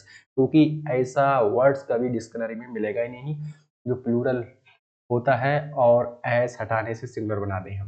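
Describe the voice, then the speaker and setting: A man's voice: medium pitch, a little mellow. Male teacher, mid-range voice, patient classroom lecture, slightly muffled recording. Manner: explains patiently, often addresses students directly. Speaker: grammar teacher.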